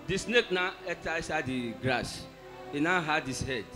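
A man giving a testimony in church, telling his ordeal in an animated way. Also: on the high side, normal speed, music in the background. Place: church hall.

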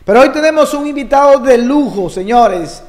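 A middle-aged man hosting a studio interview, animated and emphatic. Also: extremely high pitch, normal speed. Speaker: host. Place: podcast studio. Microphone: desk mic on boom arm. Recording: roomy studio sound.

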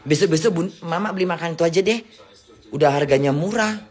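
A woman's voice: fairly low pitch, fast, darkish tone. A woman vlogging at home, grumbling about the rain and cooing and scolding at her cats in a casual monologue.

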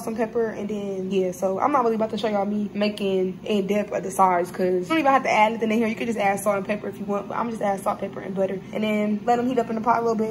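A young woman in her twenties from Ohio, a vlogger, chats casually with viewers while cooking in her home kitchen, often calling them "y'all." Her voice is mid-range, and the rough recording carries slight background noise.

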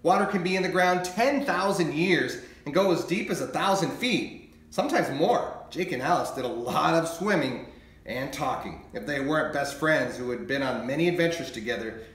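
A man reading his children's book aloud in an expressive, animated storytelling manner. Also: fairly high pitch, moderate pace, reverberant.

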